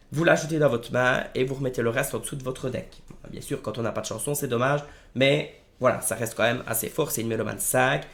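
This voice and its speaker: A man with a hoarse, gravelly voice talks casually to his viewers. He sounds worn and strained in the throat, with plenty of creak, as he presents game strategy in an informal, familiar way. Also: mid-range voice. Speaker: video creator presenting card game decks. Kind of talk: casual gaming video commentary.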